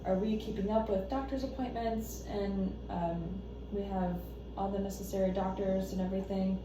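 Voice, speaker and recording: A woman playing a calm, supportive family therapist who asks gentle, probing questions in a role-play session. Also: mid-range voice, moderate pace, lightly acted. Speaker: therapist on a home visit. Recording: echoey room, distant mic, noisy background.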